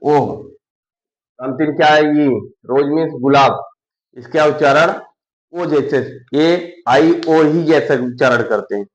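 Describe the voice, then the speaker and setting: A man teaching students a lesson, slowly restating each rule twice and spelling words out letter by letter. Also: fairly high pitch. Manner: slow, repetitive, explains each rule twice. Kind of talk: classroom lesson. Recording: echoey room, dull lo-fi sound.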